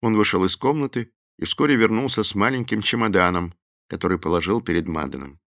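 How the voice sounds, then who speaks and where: A man's voice: on the low side, a little fast, no echo, studio quality. A man reading an audiobook and voicing every character himself. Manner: lively, acts out each character. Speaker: audiobook narrator. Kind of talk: scripted narration.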